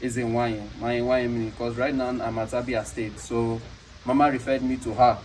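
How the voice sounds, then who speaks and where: A man's voice: medium pitch, little pitch movement, fairly quick, a little mellow, distant mic, slight background noise, rough recording. A man with a Nigerian accent hosting a vlog with casual talk and questions, polite and deferential. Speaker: vlog host.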